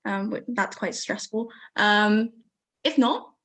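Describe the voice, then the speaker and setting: A woman's voice: mid-range voice, slow pace, fairly bright tone. A young woman hosting a video call, chatting in a friendly, hesitant way with many ums. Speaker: host. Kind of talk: casual chat on a video call.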